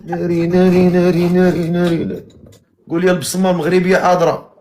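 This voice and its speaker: A man's voice: high voice, flat delivery, dark tone. A man with a Moroccan accent hosting a casual live stream, teasing his callers. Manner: teasing, quick banter with callers.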